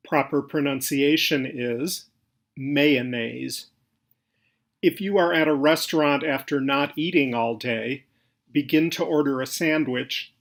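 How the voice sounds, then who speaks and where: A man narrates a scripted language lesson at an unhurried pace. His voice has a gravelly edge, and his delivery stays dry and measured. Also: mid-range voice. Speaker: English pronunciation narrator.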